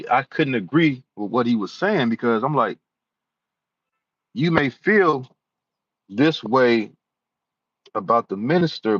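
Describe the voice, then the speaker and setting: A YouTuber talks casually to his viewers on camera, rambling, repeating himself and dropping plenty of "you know"s. His voice sits on the low side and sounds a bit bright. The recording is dry, with a dull lo-fi quality.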